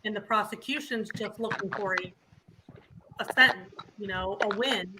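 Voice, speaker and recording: A woman speaks over an online call whose audio keeps breaking up, with clear hiss and crackle underneath. She hesitates and fills gaps with "um" as she puts a question to a senator, her pitch sitting mid-range. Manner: halting, many fillers.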